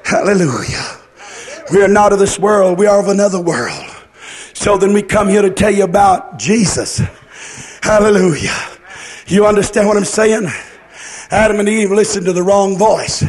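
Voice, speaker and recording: Speaking at normal speed in a high-pitched voice and pausing often, a man delivers a fervent revivalist sermon. His cadence is declamatory and sing-song, and he repeats phrases and poses rhetorical questions to those listening.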